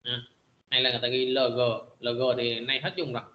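A middle-aged man teaching a high school math class in a classroom lecture, filling his pauses with frequent hesitant "à" sounds. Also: flat delivery, roomy sound, muffled recording, a little hiss or hum.

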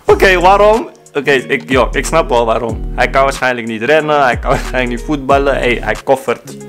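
A man's voice: medium pitch, normal speed, faint music behind. A young man from the Netherlands, a vlogger, telling funny stories casually and acting out quotes in exaggerated voices. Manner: animated, acts out quotes in funny voices, laughs often. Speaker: YouTube vlogger. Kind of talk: casual comedic storytelling.

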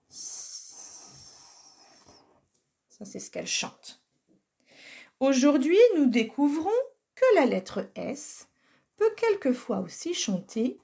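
Slow, lively-voiced woman teaching children. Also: fairly high pitch. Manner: slow, clear and patient, sounding out letters. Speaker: primary school teacher. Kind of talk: recorded lesson for young children.

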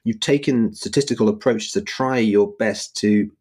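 A man's voice: lowish voice, moderate pace, darkish tone, husky. A man interviewing on a podcast, wordy and tentative, often rephrasing as he goes. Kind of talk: interview questioning.

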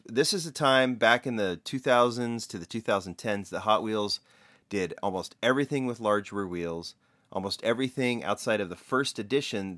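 A man's voice: on the low side, bright, forceful tone, no room sound. A man casually showcasing toy cars as a collector, talking in a conversational, opinionated way with frequent ums and uhs. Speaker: toy car collector reviewer.

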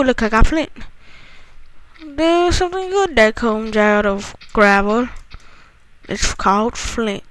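Woman, gaming commentary, chatty and rambling, higher voice, unhurried delivery. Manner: rambling and chatty, hums and sings to herself; talks to the game world as if to a person. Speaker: gamer commentator. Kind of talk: casual gameplay commentary.

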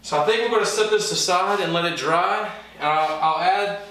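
A man, a woodworking channel host, giving relaxed, plain-spoken how-to narration with small self-corrections. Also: sits high, normal speed. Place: home garage workshop. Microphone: camera mic from across the room. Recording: very echoey garage, distant mic, faint hiss.

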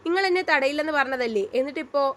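A woman's voice: high-pitched, very fast, fairly bright tone. A woman voicing a shaken young woman who pleads and argues in a read-aloud romance story. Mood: defiant. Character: young woman, torn and tearful heroine.

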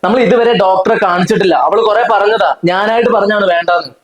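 A man playing a quick, pleading young husband. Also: high voice, echoey room, over a noisy crowd, natural voice, low-quality recording. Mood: protesting. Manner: pleading, reasoning. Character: loyal young husband, defends his wife. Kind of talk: short film drama.

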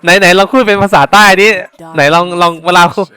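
A man's voice: sits high, little pitch movement, pushed and bright, smooth. A young man streaming a game, chatting casually, rowdy and blunt. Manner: rowdy, blunt, quick-talking. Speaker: gaming streamer. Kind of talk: casual chat while gaming.

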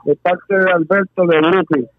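A man's voice: high-pitched, steady tone, moderate pace, no echo. A man calling into a radio show on the phone, ranting indignantly. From Puerto Rico. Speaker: caller. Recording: tinny dry phone line.

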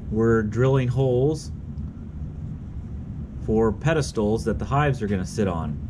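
A man's voice: lowish voice, unhurried. A man in his thirties narrating a casual how-to vlog in a plainspoken, explanatory way, as its host. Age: 30s. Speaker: vlog host, beginner beekeeper. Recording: clearly noisy, with background ambience.

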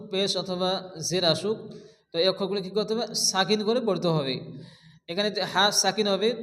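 A man teaching Quran recitation step by step, explaining each rule and then slowly chanting every word several times. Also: high-pitched, a bit bright. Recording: long hall reverb.

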